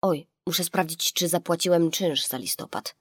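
A woman's voice: lowish voice, moderate pace, husky, no room sound, clean studio sound. A woman doing a weary, distracted dad. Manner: mumbling, absent-minded. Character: tired, distracted working father.

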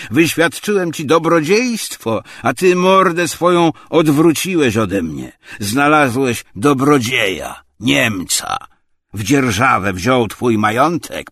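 A hoarse, spiteful bully bellows insults high and loud, as a male narrator puts him on. His voice swings wildly and carries a husky edge, close and dry with no room around it. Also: no echo, heavily acted. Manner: shouting, mocking, abusive. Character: coarse, spiteful middle-aged man, hoarse and bullying.

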